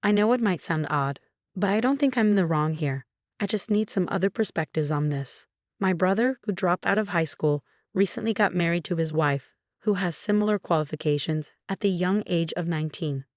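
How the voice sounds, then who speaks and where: A woman reading online forum posts aloud as scripted narration, in an even, measured delivery with no fillers. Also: lowish voice, no echo, studio quality. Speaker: story narrator.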